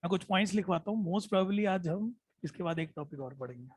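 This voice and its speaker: A man teaching biology in an online class, mixing Hindi with English terms, dictating notes slowly and repeating each phrase, often checking in with "hai na?". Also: high voice, lively intonation. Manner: mixes Hindi with English terms, calls students "beta".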